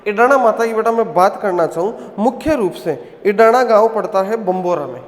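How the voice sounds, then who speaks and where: In an online coaching lecture that sounds like it was recorded in an echoey hall, a man with a high, animated voice speaks at normal speed. He quizzes his students again and again with questions and answers, addressing them as "beta."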